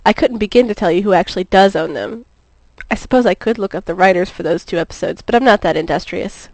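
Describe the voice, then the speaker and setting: A woman narrating her own fan fiction aloud in a relaxed, chatty way. Her voice sits at a middling pitch. The sound is dry and close, with no room echo. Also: fast talker. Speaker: fan fiction author and reader. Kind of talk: reading a story aloud.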